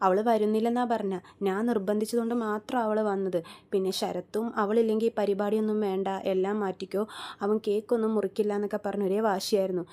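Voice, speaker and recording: A woman voicing an older mother-in-law who pleads gently with her son-in-law. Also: mid-range voice, flat delivery, quick pace, natural voice. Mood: pleading. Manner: pleading, soothing.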